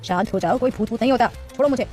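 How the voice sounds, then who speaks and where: A woman's voice: on the high side, quick pace, darkish tone, soft background music, natural voice. Woman voicing a curt, stern young man. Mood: irritated. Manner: curt, grumbling. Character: stern, irritable young husband.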